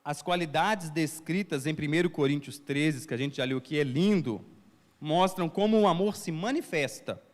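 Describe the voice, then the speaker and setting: A pastor giving a lively sermon, often asking his congregation questions. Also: a little high, long reverb tail. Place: church hall.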